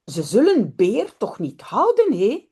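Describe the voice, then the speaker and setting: A fretful little storybook boy, as a teacher reads him aloud asking wide-eyed questions. the voice swoops up and down a lot, with a soft mellow tone and an unhurried pace. simple classroom read-aloud feel. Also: a little high, wildly swooping pitch, husky, exaggerated voice. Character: little boy, curious and anxious.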